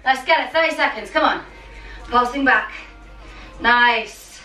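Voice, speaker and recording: A young woman with a high, bright voice coaches a workout in short commanding bursts, like a motivating gym coach. Her delivery is unhurried, with gaps between cues. She is recorded at a distance in a roomy living room. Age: young adult. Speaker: fitness coach leading a home workout. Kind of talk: workout instruction with countdowns and cheering on. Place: small home living and dining room. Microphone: camera a few metres away. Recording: roomy, distant mic, music underneath.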